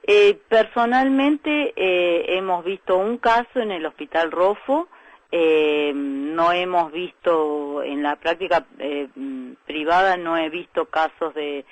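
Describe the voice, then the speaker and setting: A woman doctor with an Argentine accent, calmly explaining medical points as a guest in a radio interview, with frequent hesitation fillers. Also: on the low side, slow pace, dry recording, poor audio. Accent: Argentine Spanish. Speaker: breast specialist doctor, guest.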